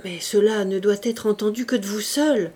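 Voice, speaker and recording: A woman reading an audiobook, voicing a grave, restrained male ex-convict who speaks quietly and measured. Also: mid-range voice, slightly rough, lightly acted. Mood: grave, hushed. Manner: quiet, measured, pleading softly.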